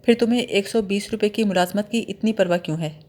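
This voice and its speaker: The character is a young male detective, brighter than he lets on, voiced by a woman in a natural mid-range tone. His questioning stays calm and probing, laced with teasing.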